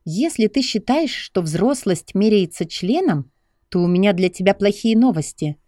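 An indignant young woman snaps and lectures in a high, raised voice, as a male reader puts her on. Her tone is sharp and scolding, set close and dry in an audiobook reading with a darker, mellow grain underneath. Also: lively intonation, normal speed, dry recording. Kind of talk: audiobook character voice.

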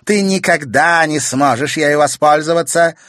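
A man voicing a spiteful villainess from another world, shouting shrill angry outbursts in a storybook reading. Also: a little slow, no room sound, clean studio sound. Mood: shocked.

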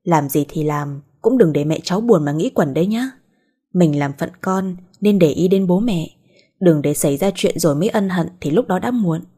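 A woman voicing a kindly middle-aged doctor giving calm advice. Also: lowish voice, moderate pace, breathy edge. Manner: calm, advising.

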